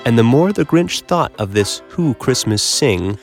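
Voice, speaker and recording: A man reads a rhyming children's storybook aloud in a warmly paced, sing-song voice. His pitch rises and falls widely as he plays up repeated words, and festive music with jingle bells plays clearly behind him. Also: measured pace. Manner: expressive, sing-song rhyming delivery with playful repetitions. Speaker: storybook narrator. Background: background music with jingle bells.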